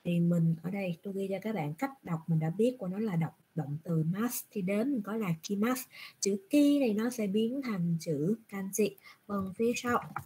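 This online Japanese teacher speaks at a moderate pace in a warm, medium-pitched voice with a breathy edge. She patiently puts questions to the class and answers them herself, and the audio is a browser screen recording.

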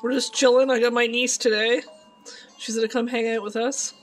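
A woman talks casually to the camera in her home and breaks into cooing baby talk for her pets. Her voice sits fairly high and swings from soft murmurs to sudden loud calls. Faint music plays underneath. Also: little pitch movement, fairly quick. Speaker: vlogger and pet owner. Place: home, indoors.

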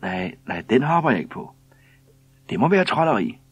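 A man's voice: low voice, slightly rough, no echo, lo-fi sound. A man voicing a puzzled, stubborn middle-aged mail boatman in a storybook reading, muttering and bewildered.

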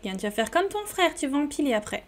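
High-pitched gamer girl chatting to her sims at home, gets excitable. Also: fast. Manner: chatty, talks to her game characters, excitable. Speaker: gaming YouTuber. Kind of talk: casual let's-play commentary. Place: home room. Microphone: desk microphone.

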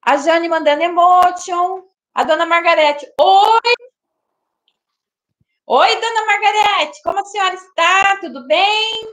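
Live-stream host, woman, very high voice, slow unhurried delivery, bubbly and exclamatory. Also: a bit bright. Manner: exclamatory, laughs often, greets viewers by name. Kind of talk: casual live-stream chat.

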